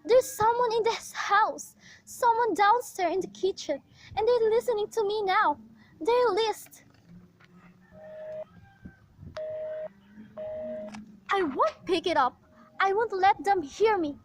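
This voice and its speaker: A woman's voice: very high voice, animated, measured pace, slight background noise, low-quality recording. A woman playing a frightened bedridden woman alone at night, pleading frantically in an amateur radio play. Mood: hushed fearful. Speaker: invalid caller.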